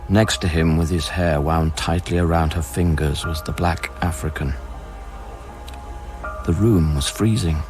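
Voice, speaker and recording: Low and fairly even in intonation, a male narrator playing a haunted scientist sounds haunted and hesitant as he describes unsettling events aboard a space station. His brooding, literary delivery is measured and sometimes slips into a whisper, and music plays prominently underneath in this radio play.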